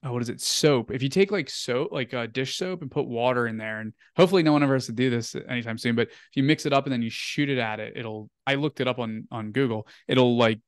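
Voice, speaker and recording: A man's voice: medium pitch, fast talker, hardly any pauses, smooth, no room sound, studio quality. A young man telling a story as an interview guest, casual and rambling, full of "like" and "um". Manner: rambling, filler-heavy, "like" and "um" often.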